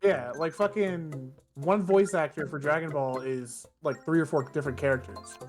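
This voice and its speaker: This streamer speaks at an ordinary middle pitch and doesn't hold back opinions, dropping curses all through casual gaming-stream chat. Faint game music plays quietly behind the voice. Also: normal speed. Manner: blunt, opinionated, swears often.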